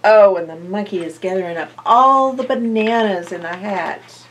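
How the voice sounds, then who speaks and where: A library storyteller, an older woman with a medium-pitched voice, reads a picture book aloud to young children at a moderate pace while seated by bookshelves indoors. She reads expressively, asks the children questions and reacts with animation. Slight background noise and a slightly distant mic are audible.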